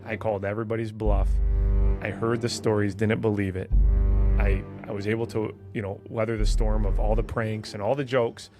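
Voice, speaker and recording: A man telling a personal ghost story in an earnest, halting way with frequent restarts. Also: lowish voice, flat delivery, over music. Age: 20s. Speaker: firefighter guest.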